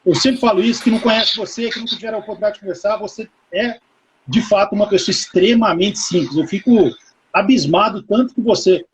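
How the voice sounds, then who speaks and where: A man's voice: sits high, fast, slight background noise, low-quality recording. A man hosting a live interview, effusively praising his guest and greeting viewers. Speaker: host.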